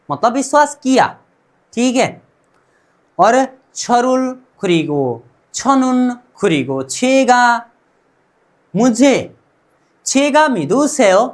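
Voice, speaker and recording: A man teaching Korean pronunciation in a classroom-style lesson, asking "what?" and answering himself and repeating each sound several times. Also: extremely high pitch.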